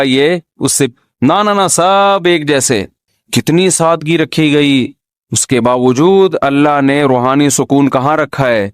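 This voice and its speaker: A man's voice: on the high side, no echo, studio quality. Humorous man giving a religious talk. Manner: humorous, asks audience rhetorical questions. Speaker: Islamic scholar giving a talk.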